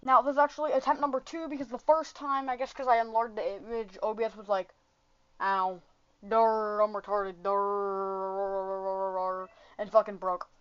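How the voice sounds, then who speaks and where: A woman hosting a casual podcast, rambling and swearing with quick asides. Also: fairly high pitch, fairly even intonation. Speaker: podcast host. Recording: dull lo-fi sound.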